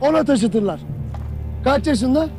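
A man's voice: extremely high pitch, expressive, a little slow, darkish tone, faint music behind, heavily acted. An actor playing a harsh army commander who barks questions at his soldiers with bitter sarcasm. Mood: grim bitter. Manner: barking, interrogating, bitterly sarcastic. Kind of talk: film drama acting.

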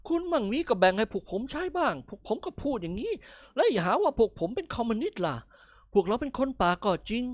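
A woman's voice: on the high side, big pitch swings, fast talker, no room sound, pitched above the performer's own voice. A woman voicing a boastful male forest bandit chief who turns fawning, in an audiobook reading. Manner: brash then fawning, polite particles.

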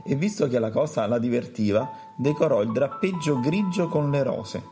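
A man narrating a children's story in a calm, storytelling way. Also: mid-range voice, moderate pace, music in the background.

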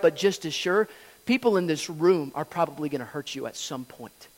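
A man preaching a sermon in church, telling a story with soft asides and loud emphatic lines. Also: sits high, in a large hall. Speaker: pastor. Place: church sanctuary.

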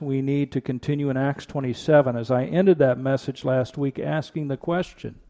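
A pastor preaching an earnest sermon into a pulpit microphone in a church, repeating rhetorical questions for emphasis. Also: male voice, medium pitch, vocal fry, warm tone. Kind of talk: sermon with prayer and scripture reading.

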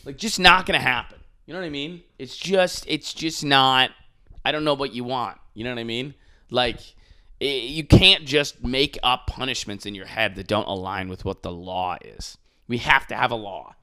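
A man's voice: medium pitch, normal speed, bright, forceful tone, clean tone. A young man hosting a podcast, ranting casually with profanity and mocking imitations of people he disagrees with. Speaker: podcast host.

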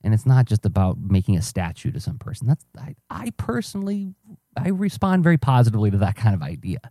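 A man's voice: lowish voice, wildly swooping pitch, fast, creaky, dark tone, dry recording, studio quality. A man, a cartoonist and podcaster, reflecting aloud in a casual solo journal podcast, musing and questioning himself with many fillers and restarts.

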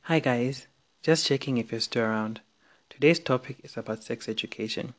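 A man's voice: medium pitch, moderate pace. A young man from Zambia with a Zambian English accent, hosting an opinion podcast in an earnest, frank, scripted monologue. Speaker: podcast host.

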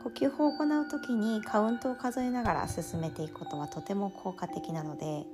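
A woman instructor leads guided breathing and relaxation in a soft, soothing way, often trailing into breathy near-whispers. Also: mid-range voice, fairly quick. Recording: prominent music with singing bowl tones. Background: meditation music with singing bowls.

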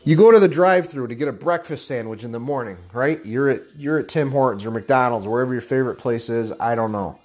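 A man's voice: mid-range voice, fast talker, few pauses, a little mellow. A man giving an intense, profane motivational rant, blunt and angry, calling his listeners guys. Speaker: motivational speaker.

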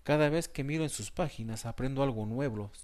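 A man's voice: mid-range voice, fairly quick, a little mellow, voice pushed up, lightly acted. A man voicing a fretful, bookish know-it-all male cat who keeps wailing that everything is terrible, in a storybook reading. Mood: eager. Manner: frantic, repeats "terrible".

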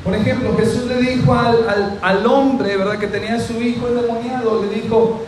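A male pastor with a very high-pitched voice, steady tone and moderate pace gives a fervent sermon, often shouting amen. He addresses the congregation directly, asks them to repeat phrases and tells them to speak to the person beside them. Recorded in a very echoey room, it has faint ambience and slight background noise.

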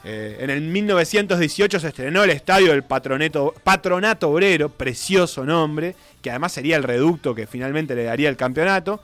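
A man telling football history as a casual co-host, reading quotes aloud with flair. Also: a little high. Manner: animated, reads quotes aloud with dramatic flair. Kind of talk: casual radio-style storytelling.

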